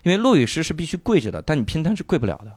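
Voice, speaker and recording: A man casually retelling a drama's plot on a chat show, acting out the characters' lines and bursting into loud swearing at the emotional moments. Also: a little high, very fast, breathy edge, dry recording, clean studio sound. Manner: animated storytelling, acts out lines with loud swearing outbursts. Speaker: podcast co-host.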